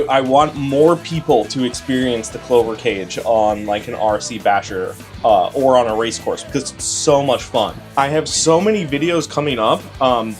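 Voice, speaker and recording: A man with a mid-pitched voice talks casually over faint guitar music. He sounds enthusiastic and slangy, like a host reacting to a video.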